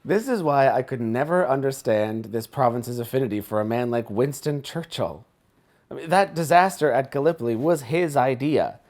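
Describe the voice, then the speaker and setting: An actor playing a reflective caller who speaks in a measured, solemn way. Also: male voice, medium pitch, a little mellow, natural voice. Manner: measured, reflective, rising to indignation. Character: thoughtful grown man calling in, solemn about war history. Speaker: radio caller.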